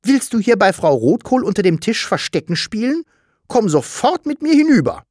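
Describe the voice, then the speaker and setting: A man's voice: fairly high pitch, wildly swooping pitch, measured pace, breathy edge, no echo, studio quality, voice pushed up, heavily acted. A man voicing a mild, flustered lodger who is a single father, speaking politely in a puzzled, raised voice in an audiobook.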